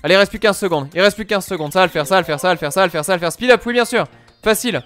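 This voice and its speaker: A young man streaming a video game live, commentating excitably, swearing and shouting at the game. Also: high-pitched, very fast, faint music behind. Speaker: gaming streamer.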